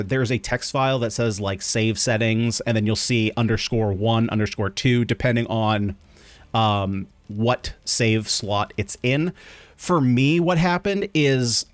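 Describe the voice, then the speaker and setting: A man with a mid-range voice hosts a gaming video, giving casual gameplay commentary at a measured pace. His explanations are loose and rambling, heavy with fillers, and the recording is dry.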